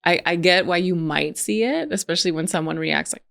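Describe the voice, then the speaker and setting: A woman's voice: on the low side, lively intonation, brisk, vocal fry, fairly bright tone. A woman co-hosting a podcast in casual chat, who restarts her sentences often and laughs between phrases. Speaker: podcast co-host.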